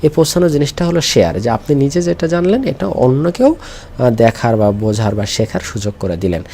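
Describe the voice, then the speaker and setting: Gravelly-voiced man teaching Quran letters. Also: mid-range voice, lively intonation, brisk, dark tone, a little hiss or hum. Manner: patient, repeats each letter and asks learners to echo. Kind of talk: teaching Arabic letters with call-and-response drills.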